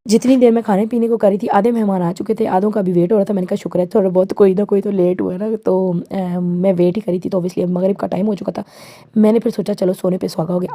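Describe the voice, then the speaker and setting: Casual female home-cook vlogger, mellow tone, talky and rambling, mixes in English. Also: mid-range voice. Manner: chatty, rambling, sprinkles in English words. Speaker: home cooking vlogger and mother. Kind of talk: casual cooking vlog voice-over.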